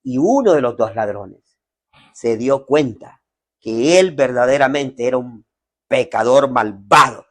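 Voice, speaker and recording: A man preaching an evangelistic sermon in a family home, addressing online listeners, swinging from loud, slow lines down to hushed ones. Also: medium pitch. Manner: dynamic preaching, swells loud then drops to near whisper.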